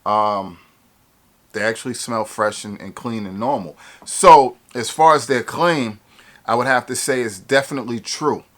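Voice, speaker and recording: Hyped, chatty male fitness vlogger; casual review talk, mid pitch, drifts on and off the camera mic. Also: moderate pace. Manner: hyped, chatty, lots of restarts and ums. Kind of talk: casual product review vlog.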